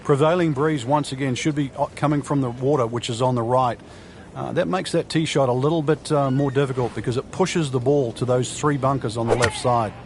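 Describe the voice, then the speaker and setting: A man's voice: mid-range voice, steady tone, a little mellow, slight background noise, lightly acted. A man doing a hesitant golf analyst. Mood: calm. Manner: explanatory, with frequent "uh" pauses. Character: male TV golf color analyst. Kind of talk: scripted video game golf analysis.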